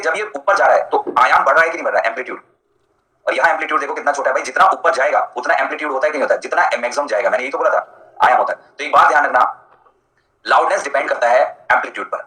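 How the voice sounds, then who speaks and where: A man's voice: mid-range voice, pushed and bright, roomy sound, poor audio. A male teacher giving a live online lecture in a chatty, jokey way, answering students by name as he explains.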